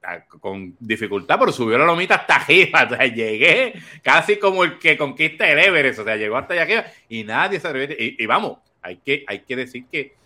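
A Puerto Rican man hosting a podcast, telling stories in animated casual political chat and laughing often. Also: medium pitch, a little fast, few pauses. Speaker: podcast host.

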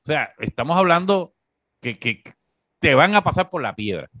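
Man, Puerto Rican accent, talk show host, sarcastic, animated pitch, somewhat high voice. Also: normal speed, no echo, studio quality. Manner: animated, sarcastic, many fillers. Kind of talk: casual political commentary.

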